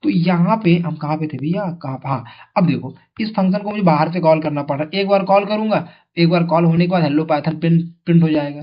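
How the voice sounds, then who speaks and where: A male tutor giving an exam coaching lesson in a chatty way, asking his students questions and repeating the answers. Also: on the high side. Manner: calls viewers brother. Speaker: teacher. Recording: dull lo-fi sound.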